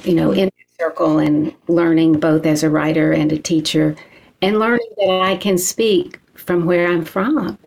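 A middle-aged woman from Kentucky, a poet reading her work slowly and then answering interview questions in a measured way. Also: low-pitched, steady tone, gravelly, darkish tone, a little hiss or hum, poor audio. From Eastern Kentucky. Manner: slow, measured reading with deliberate pauses.

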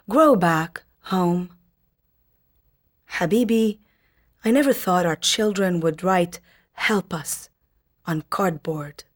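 A woman in her thirties from Lebanon, a poet being interviewed and then reading her poem aloud, softly and with some hesitation. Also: mid-range voice. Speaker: poet guest.

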